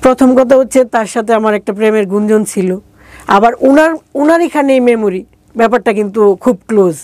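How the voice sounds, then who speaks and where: In a dry recording, a woman with a regional Bangladeshi accent talks briskly as an interview guest, relating her life story in everyday language and acting out past exchanges. Her voice is a little high with a darkish tone.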